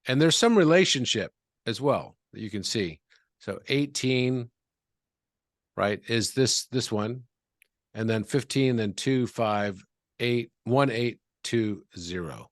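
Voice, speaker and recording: Calm explaining man, dry close sound. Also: mid-range voice, slow, dry recording. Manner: calm, explanatory, steps through examples. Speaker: interview guest. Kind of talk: explaining in an interview.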